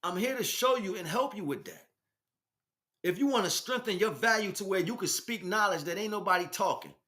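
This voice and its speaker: Addressing his listeners head-on, an American teacher delivers a casual spiritual talk in emphatic street slang. His voice sits high and sounds animated, bright, and forceful, moving a little fast.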